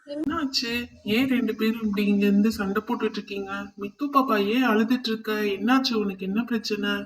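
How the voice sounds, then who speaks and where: A woman voicing a caring older brother doll who gently explains how to cook, in a pretend-play toy show. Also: mid-range voice, fairly even intonation, brisk, lightly acted. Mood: concerned. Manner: gentle, instructive.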